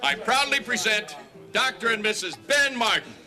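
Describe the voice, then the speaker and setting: Jovial, very animated father. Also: high-pitched, normal speed. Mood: proud, celebratory. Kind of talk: television drama acting. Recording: busy party crowd and room noise.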